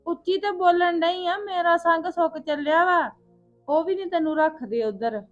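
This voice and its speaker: A woman's voice: extremely high pitch, measured pace, dull audio. A young woman playing a poor, worried village housewife and mother who complains and quarrels. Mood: exasperated. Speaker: mother and wife. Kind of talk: homemade village drama acting.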